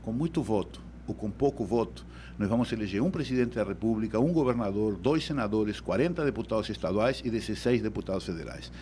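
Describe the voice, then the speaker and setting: A Uruguayan law professor with a Uruguayan Spanish accent explains things as a guest in a radio studio, often repeating words as he thinks. His voice is low-leaning, dark and animated, fairly quick, with a little hiss or hum in the recording.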